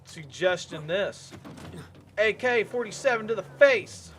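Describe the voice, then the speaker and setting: A man's voice: sits high, animated, a little slow, fairly bright tone. A man streaming a game with rambling, joking casual commentary.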